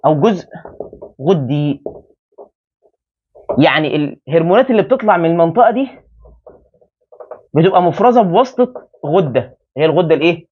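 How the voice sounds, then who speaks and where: A man with an Egyptian Arabic accent teaches biology in a rapid, high voice. He keeps firing rhetorical questions at his students and answering them himself. The recording sounds dull and lo-fi. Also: slightly rough. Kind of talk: biology lesson at a whiteboard.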